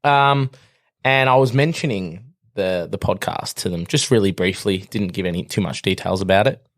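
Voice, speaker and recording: A man's voice: deep voice, moderate pace. A young Australian man co-hosting a podcast, telling a rambling story full of fillers and laughs in casual chat. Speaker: podcast co-host.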